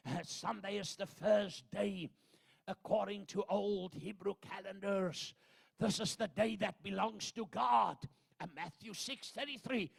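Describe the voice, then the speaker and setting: An older man from Zambia preaching a sermon, swinging from hushed asides to loud shouted proclamations. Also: sits high, gravelly, slightly rough. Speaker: pastor.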